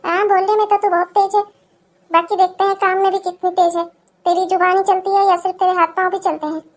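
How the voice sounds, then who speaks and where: A woman's voice: extremely high pitch, little pitch movement, fast talker. A woman voicing a taunting, scornful middle-aged mother-in-law in a cartoon. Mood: scolding. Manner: taunting, scolding.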